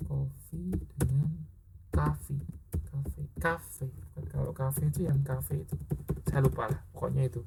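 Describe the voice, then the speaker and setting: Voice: mid-range voice, steady tone, normal speed, creaky, noisy background. An English teacher in a casual classroom explanation, often stopping to check understanding and correcting themself mid-sentence. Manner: keeps checking understanding with tag questions; mixes spoken English example sentences into explanation.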